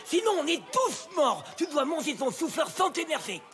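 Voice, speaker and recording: A woman's voice: high-pitched, big pitch swings, normal speed. A woman doing a bossy, alarmist cartoon kid. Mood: urgent. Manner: urgent, bossy. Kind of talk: cartoon voice acting. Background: loud background music.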